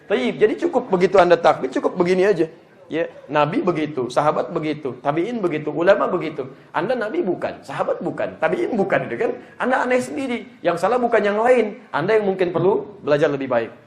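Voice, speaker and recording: A man preaching an Islamic lecture to a live congregation, lively and joking as he speaks to the audience directly. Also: high voice, fast. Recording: echoey room.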